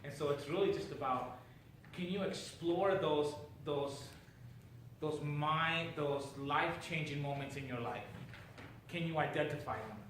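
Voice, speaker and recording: A man's voice: a little high, a little slow, a bit bright. A middle-aged man from Chile, a guest author answering interview questions in an upbeat, earnest way, often restarting phrases. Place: studio with audience. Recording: very echoey, distant mic, noisy.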